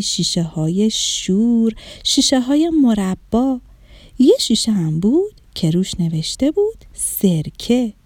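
A woman narrating a children's story in an expressive, gentle storytelling voice. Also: mid-range voice, no echo.

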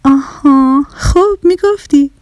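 A woman voicing a patient adult listener in a children's story, asking calm, drawn-out questions. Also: high voice, no room sound, close to an everyday voice. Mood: curious.

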